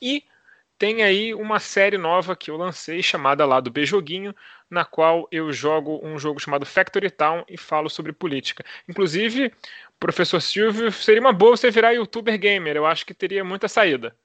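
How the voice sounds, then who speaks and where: Man, podcast host, bright voice, dry close sound, upbeat, promoting the show. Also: sits high, moderate pace, no room sound. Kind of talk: podcast sign-off.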